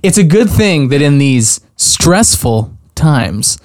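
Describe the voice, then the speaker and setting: A young man hosting a podcast, chatting casually and laughing often between quick asides. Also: on the high side, sing-song, darkish tone. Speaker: podcast host. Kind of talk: casual chat.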